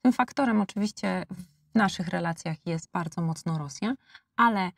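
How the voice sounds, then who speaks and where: A woman in her forties with a Polish accent, an international relations expert, appears as a guest in a panel debate in a studio with a blue backdrop. Her low-leaning voice has vocal fry and a moderate pace, and she speaks hesitantly with many fillers and restarts. She is on a lapel mic, with no room sound.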